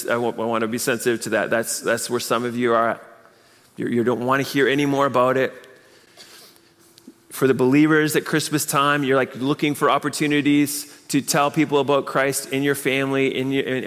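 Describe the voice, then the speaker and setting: A man's voice: medium pitch, fairly bright tone, in a large hall. A man preaching a sermon as pastor, speaking emphatically with rhetorical questions and repeated phrases. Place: church.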